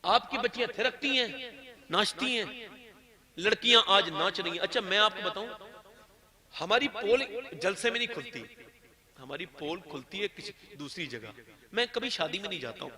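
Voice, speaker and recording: A male preacher with a high voice delivers a sermon to a live gathering, often swelling to impassioned shouts. The murmur of a crowd sits behind him throughout. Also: animated, moderate pace. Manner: impassioned, builds to shouting, addresses crowd directly. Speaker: Islamic preacher.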